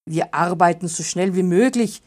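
A woman's voice: medium pitch, a little slow, natural voice. A woman voicing a hesitant, defensive village blacksmith in a read-aloud fairy tale. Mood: justifying. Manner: hesitant, justifying himself.

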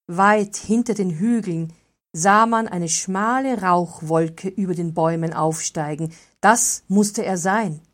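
A woman narrating a fairy tale in a steady, deliberate reading. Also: medium pitch. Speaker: storyteller.

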